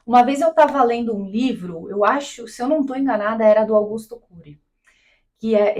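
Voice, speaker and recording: A woman from Brazil giving an explanatory talk to camera as a coach, didactic, checking in with her listener often. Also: on the high side. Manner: didactic, checks in with "tá?" and "né?", acts out quoted voices. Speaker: business and mindset coach.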